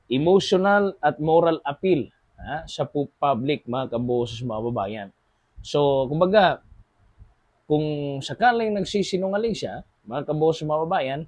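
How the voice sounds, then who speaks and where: A man's voice: on the high side, a little mellow, no room sound. A man with a Filipino accent giving casual news commentary as a show host, constantly addressing his audience and using many fillers.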